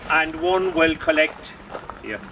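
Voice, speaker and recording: The same kind of scene: a sheepdog trainer narrating a live demonstration for an outdoor crowd at a sheep dog trial, explaining things and posing rhetorical questions. This time the voice sits on the high side, slow and expressive, distant from the mic amid heavy outdoor noise.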